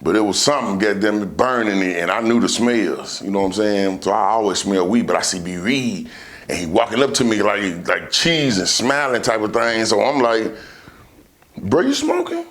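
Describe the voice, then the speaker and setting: A man's voice: lowish voice, moderate pace, fairly bright tone. A man telling stories casually in a laid-back, rambling stoner manner, repeating himself and using heavy slang and swearing. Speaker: vlogger. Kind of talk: casual storytelling to camera.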